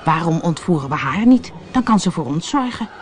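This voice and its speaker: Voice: medium pitch, big pitch swings, fairly quick, lightly acted. A reader doing a timid stammering pirate bosun. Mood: eager.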